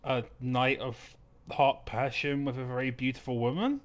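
A man's voice: medium pitch, fairly even intonation, moderate pace. A man in casual, joking banter as a player in a tabletop role-playing game.

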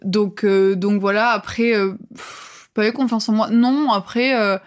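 A woman's voice: medium pitch, fairly even intonation, a little slow. A woman in her twenties, a podcast guest, talking casually with many fillers and frequent laughs. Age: 20s. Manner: chatty, lots of fillers, laughs often. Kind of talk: casual chat.

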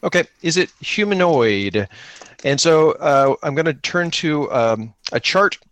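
Thinking out loud, the host and player of an improvised solo-engine tabletop game asks himself questions and answers them in casual chat. His slightly high voice is expressive, unhurried, and fairly bright, and there is no echo.

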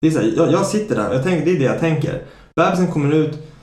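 A man's voice: fairly high pitch, expressive, a little mellow. A man hosting a podcast, telling a long personal story in casual chat, swearing freely and acting out what people said. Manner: swears freely, tells the story with many quoted asides. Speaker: podcast host. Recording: roomy echo.

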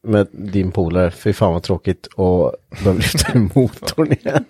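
A man hosting a casual podcast, relaxed and laughing easily between remarks. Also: deep voice, husky, dry recording, clean studio sound. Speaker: podcast host.

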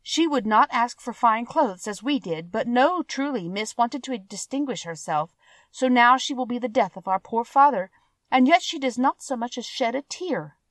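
A woman's voice: on the high side, lively intonation, moderate pace, dry recording, pitched above the performer's own voice, natural voice. A woman voicing spiteful, proud young elder sisters in a storybook, speaking in a raised, sneering and scornful tone.

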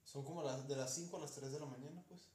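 A man's voice: medium pitch, steady tone, quick pace, a little mellow. A young man from Mexico co-hosting a podcast, telling stories in slangy casual chat and acting out the people he quotes. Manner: slangy storytelling, acts out quoted voices. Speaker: podcast co-host. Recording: echoey room with faint noise.

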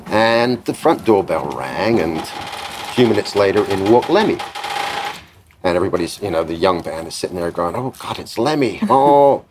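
Deep-voiced man telling studio stories. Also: moderate pace, slight background noise. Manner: lively storyteller who acts out quotes and laughs often. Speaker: guest, recording engineer. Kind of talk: anecdotal interview chat.

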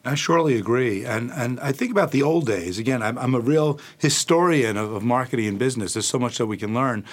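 A man speaking as a panelist, reflective and growing animated when stressing a point. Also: medium pitch, brisk. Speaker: panelist on marketing. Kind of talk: panel discussion.

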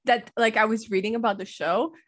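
A woman with a French Canadian accent chats as a podcast co-host in a fairly high voice. She talks in an animated way, filling her sentences with "like" and swearing freely. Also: a little fast. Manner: animated, swears casually, lots of "like". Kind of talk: casual chat.

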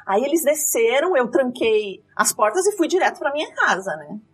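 A woman's voice: high-pitched, normal speed, husky, far from the mic. A woman, telling a dramatic story from her rideshare driving in casual chat. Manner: lively, dramatic retelling with quoted dialogue.

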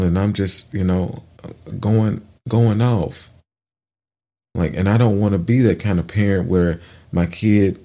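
Middle-aged male podcast host, very low voice, earnest and reflective, halting delivery. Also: dark tone. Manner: earnest, thoughtful, halting with fillers and restarts. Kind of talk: reflective personal monologue.

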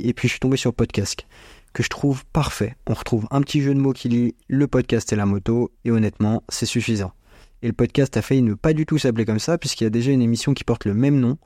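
Young man, twenty, mellow voice, slangy casual delivery, scripted podcast monologue, dry bedroom sound. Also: mid-range voice, no echo. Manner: informal, slangy, chatty. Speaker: podcast host. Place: small bedroom at parents' home, dry sound. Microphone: small home microphone.

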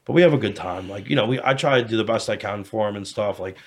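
An American man in his thirties talks casually and candidly on a podcast, his voice lowish, fast and slightly rough. He swears a lot, rambles, repeats himself and keeps saying "you know."

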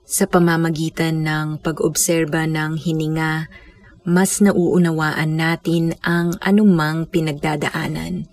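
A woman with a Filipino accent teaches a guided meditation in a deep voice. She speaks calmly and gently, leaving unhurried pauses.

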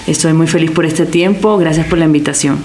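A woman's voice: deep voice, fairly even intonation, brisk, a little mellow. A woman with a Caribbean Colombian accent, a missionary guest who interprets phrase by phrase and reads scripture. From Barranquilla, Colombia. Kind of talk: consecutive interpreting and scripture reading. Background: faint music.

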